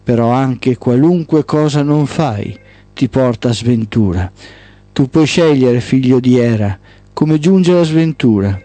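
Ancient night spirit lady, a guy doing her, solemn and slow, dark mellow voice, dry sound. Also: medium pitch, expressive, no room sound, soft background music, natural voice. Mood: grim. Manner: slow, solemn whispering pronouncements.

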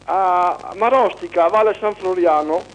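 A man calling in over a landline phone to a radio talk show, telling a story slowly in a mock-ominous, drawn-out way as a prank caller. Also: sits high, slight background noise, rough recording.

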